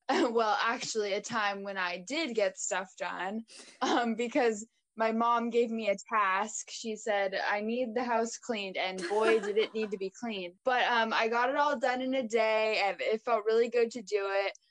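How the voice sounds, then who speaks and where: Young woman chatting, laughs a lot, kinda high voice, dead dry mic. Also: fairly even intonation, unhurried, a bit bright, no echo. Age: young adult. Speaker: co-host. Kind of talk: casual chat.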